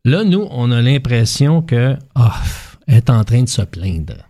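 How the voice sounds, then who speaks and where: A man's voice: mid-range voice, very animated, a little slow, warm tone. A man with a Québécois French accent, a guest explaining relationship habits through concrete everyday examples, with restarts and fillers. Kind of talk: casual explanatory chat.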